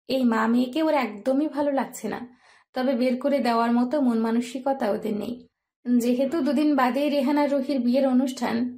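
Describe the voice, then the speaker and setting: A woman narrating a romance story in a soft, even storytelling voice. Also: high-pitched.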